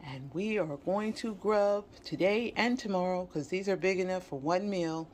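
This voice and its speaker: A woman's voice: fairly low pitch, moderate pace, darkish tone. A woman vlogger casually narrating her home cooking in a kitchen, talking to her viewers. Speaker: vlog host. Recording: faint kitchen room noise. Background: faint kitchen background noise.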